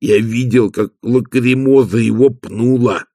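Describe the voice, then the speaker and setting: A man reading an audiobook, voicing a slow, gloomy male servant who talks in a deliberate, matter-of-fact way. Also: medium pitch, very animated, gravelly, husky, no echo, studio quality, pitched above the performer's own voice, full character voice. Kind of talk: audiobook character voice.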